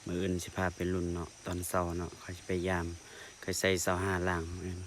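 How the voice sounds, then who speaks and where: A man with an Isan accent, talking casually through an outdoor fishing vlog, murmuring low and exclaiming when something is caught. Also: quick pace. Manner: mumbled low commentary, excited exclamations at catches. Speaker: vlogger. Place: outdoors in the countryside. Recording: noisy outdoor recording.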